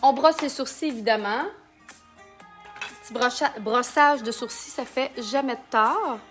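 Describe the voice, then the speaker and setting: Speaking at a measured pace in a fairly high, bright voice, a Quebec-accented Canadian woman gives a live makeup tutorial at home beneath a ring light. Faint music plays behind her as she chats and welcomes viewers by name.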